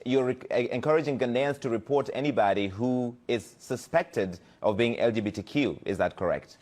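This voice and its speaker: A man's voice: mid-range voice, normal speed, a little mellow. A man working as a news interviewer, challenging his guest with pressing, pointed questions.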